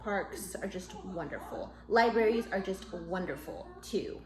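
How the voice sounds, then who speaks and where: A woman vlogging about parenting, telling a story to the camera in a casual, chatty way and acting out what people said. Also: unhurried. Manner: lively, acts out quoted dialogue in a higher voice. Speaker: mom vlogger giving parenting tips. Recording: echoey room.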